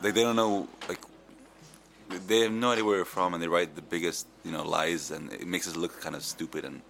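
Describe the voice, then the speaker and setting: A drummer from Finland talks quickly, circling back over his words while he complains. His voice is fairly low. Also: steady tone, gravelly, a bit bright, a little hiss or hum. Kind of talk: casual interview chat.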